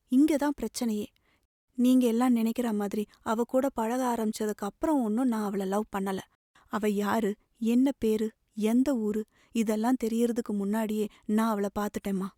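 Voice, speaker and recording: A woman's voice: fairly high pitch, steady tone, normal speed, dark tone, no room sound, studio quality, lightly acted. A woman reading the part of a young man, a tender, protective elder brother pleading earnestly. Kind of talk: audiobook novel reading.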